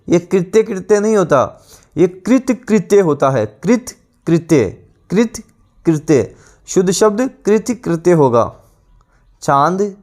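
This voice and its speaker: Guy teaching grammar for exam prep, kinda high voice, says every word like three times and asks "what's the right word". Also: a little mellow. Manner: repeats each word slowly several times; drills with rhetorical questions.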